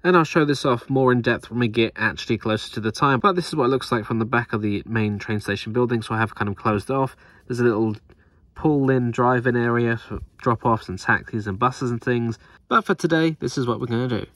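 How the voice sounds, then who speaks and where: Brisk and a bit bright, a mid-range male voice narrates a Lego build without any echo. The channel host chats upbeatly over the footage, voicing his thoughts as he builds.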